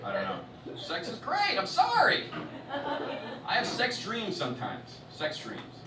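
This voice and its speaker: A male stand-up comedian on stage, cursing freely and lurching from shouted punchlines to quiet mumbled asides. His voice runs fairly high and moves around a lot in pitch. He is heard from a distance in a big echoing hall, over the loud noise of the crowd. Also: wildly swooping pitch, unhurried. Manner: profane, swings between loud outbursts and low muttered asides. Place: comedy festival stage in a large venue. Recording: roomy hall, distant mic, loud audience.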